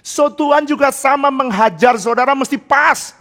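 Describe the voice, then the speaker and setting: Middle-aged male pastor, playful and animated sermon delivery, high-set voice, reverberant hall. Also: normal speed. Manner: animated and playful, laughing often between points; drops into English phrases. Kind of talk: preaching a sermon. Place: church hall. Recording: long church-hall reverb.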